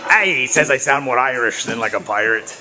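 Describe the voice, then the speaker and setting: A man's voice: mid-range voice, lively intonation, fairly quick, pushed and bright. A man giving a playful walking tour of a car dealership, cheerfully greeting coworkers and throwing in mock pirate talk. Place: indoor car dealership, walking between departments.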